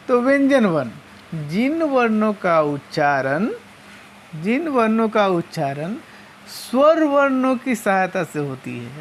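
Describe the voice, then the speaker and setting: Slow, methodical woman teacher. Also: mid-range voice, slight background noise. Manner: slow and methodical, repeating and spelling out sounds. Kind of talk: explanatory lesson.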